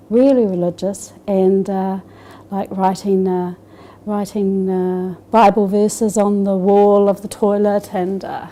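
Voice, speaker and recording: A middle-aged woman from Scotland who grew up in New Zealand, and speaks with a New Zealand accent, gives a hesitant personal testimony as an interviewee. Her mid-range voice has a dark tone, and she restarts often amid many fillers.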